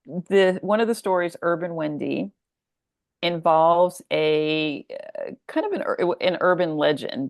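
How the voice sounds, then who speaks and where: With a fairly low pitch, a middle-aged American woman chats as an interview guest about her story collection, pondering aloud and drifting thoughtfully between ideas. The studio-quality recording has no room sound.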